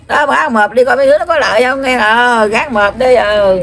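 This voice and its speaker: In trance as a grandmother spirit, a female spirit medium with a Southern Vietnamese accent scolds and rambles, repeating herself and stretching out fillers. Her voice is a little high and a bit bright.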